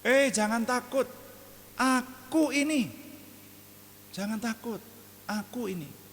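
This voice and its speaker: A preacher voicing a calm male teacher who reassures his frightened followers. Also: fairly low pitch, long reverb tail, slight background noise, natural voice. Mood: soothing. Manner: soothing, drawn-out.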